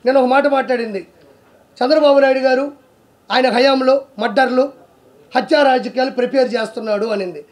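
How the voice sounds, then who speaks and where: A man with a very high-pitched voice rants about politics in a sarcastic, scolding tone. He fires off rhetorical questions one after another and mocks his target as he goes. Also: fairly even intonation, a little fast, long pauses. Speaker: comedian giving political commentary. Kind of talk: heated political rant.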